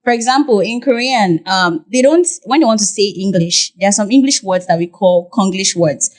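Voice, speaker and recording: A young woman with a Nigerian accent, a podcast guest who explains at length in an animated way, with many "like" fillers. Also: mid-range voice, normal speed. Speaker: guest, content creator. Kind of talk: podcast interview.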